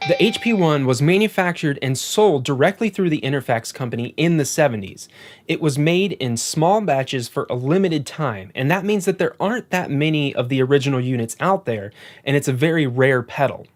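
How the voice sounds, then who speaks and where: A man with a somewhat high voice reads a scripted narration. He explains things step by step in an informative, even manner. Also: moderate pace. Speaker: video narrator.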